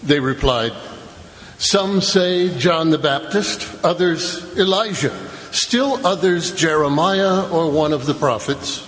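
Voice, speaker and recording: Slow man reading in cathedral echo. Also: fairly high pitch, fairly bright tone. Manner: slow, measured proclamation. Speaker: gospel reader at mass. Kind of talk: liturgical scripture reading. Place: large church. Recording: long church reverb.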